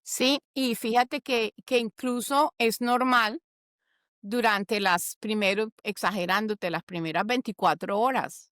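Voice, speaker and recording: Higher-pitched woman psychologist, dry close sound. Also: takes it slowly, no room sound. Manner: warm explanatory, acts out quoted voices. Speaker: psychologist guest. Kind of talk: conversational interview.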